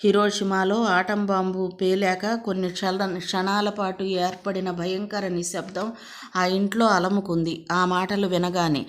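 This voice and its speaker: A woman's voice: medium pitch, level tone, normal speed. Woman reading a novel aloud. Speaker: novel reader.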